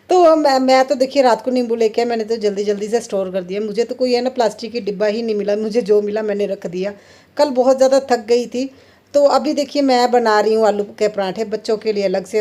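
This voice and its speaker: A woman in her thirties narrates a casual kitchen vlog, chatting to viewers while she cooks at home. Her medium-pitched voice is warm, and she laughs often as she talks.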